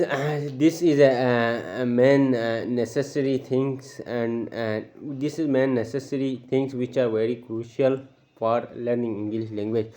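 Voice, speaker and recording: A young Pakistani student from Gilgit-Baltistan, a Shina speaker, talks to camera about personal matters without a script. His mid-range, mellow voice comes through on a lo-fi recording. He speaks haltingly, with many filler pauses and restarts.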